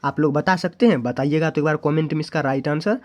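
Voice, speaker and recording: A man's voice: fairly high pitch, fast talker, a little mellow. A male teacher from India walking students through exam questions, repeating answers and reminders to remember them. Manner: repetitive, keeps asking students to remember.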